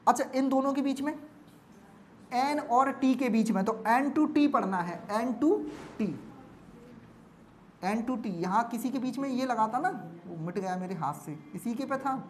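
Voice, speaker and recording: A woman with a slightly raised pitch works through an exam lesson at a board. She talks in an explaining tone, repeats each step and keeps checking whether her students follow. A faint hiss sits under her voice. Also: a little slow. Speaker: exam-prep teacher.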